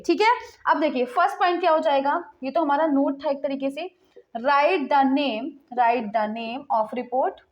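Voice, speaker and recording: High-voiced young woman teaching, repetitive. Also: highs cut off. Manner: repetitive, checks in with "theek hai" constantly; mixes Hindi and English mid-sentence. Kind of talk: casual online lesson.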